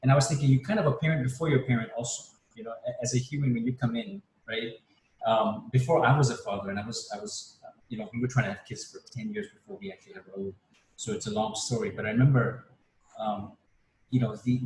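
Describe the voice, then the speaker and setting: A man's voice: medium pitch, recorded from a distance. A man in his fifties joins a group video call, speaking reflectively and circling back with restarts and "right?". He sits well back from the mic in a roomy space, with faint noise behind him. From Spain. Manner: warm, reflective, many restarts, frequent "right?". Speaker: panel guest. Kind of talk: casual group video chat.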